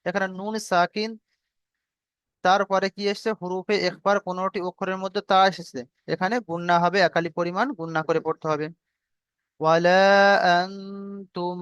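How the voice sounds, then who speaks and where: A man teaching Quran reading, chanting verses slowly and then spelling out each letter and vowel mark. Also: high-pitched, level tone, fairly bright tone, clean tone, no echo, dull audio.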